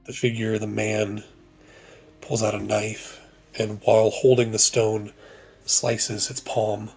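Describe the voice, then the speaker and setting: Slow, gravelly-voiced man narrating a game. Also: lowish voice, monotone, darkish tone, soft background music. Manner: slow, measured descriptive narration. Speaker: game master.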